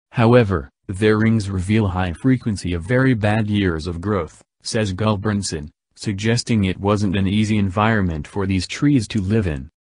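A man's voice: fairly low pitch, darkish tone, no echo, clean studio sound. A man reading a scripted science news report formally, in the manner of a nature documentary narration. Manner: reads formally from a written article.

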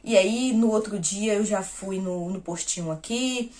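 A woman vlogger talks casually to her viewers in a voice of middling pitch, neither high nor low. She tells a personal story and acts out each exchange she retells. The tone is informal and conversational throughout. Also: unhurried, darkish tone. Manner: talks straight to viewers as "gente". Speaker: vlogger sharing personal news.

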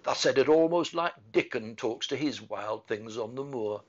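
A man voicing a gruff old male gardener with a put-on Yorkshire dialect, blunt and dismissive, in a muffled lo-fi recording. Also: mid-range voice, moderate pace, close to an everyday voice. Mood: grumbling.

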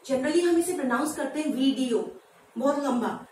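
High-voiced woman teaching pronunciation. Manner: lively, asks viewers questions and answers them; spells words out slowly, syllable by syllable. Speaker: English teacher. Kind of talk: Hindi-language pronunciation lesson. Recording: echoey room, voice from a distance, faint background noise.

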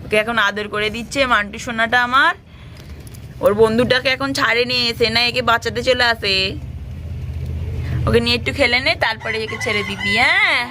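A woman's voice: on the high side, normal speed, bright, forceful tone, a little hiss or hum. A young woman, a mother, chatting to her viewers in a casual vlog on a rooftop in light rain while coaxing her small daughter. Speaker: family vlogger and mother.

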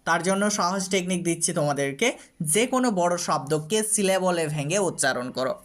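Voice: medium pitch, a bit bright. A teacher giving an online English reading lesson for students, talking to them directly, sounding out long words syllable by syllable and repeating them patiently. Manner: addresses students directly with instructions.

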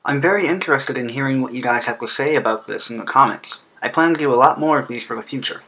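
A man's voice: mid-range voice, fast, sharp tone, low-quality recording. A man with a lisp from an underbite, narrating a scripted explainer as a video creator. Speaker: video creator presenting a fan game track design.

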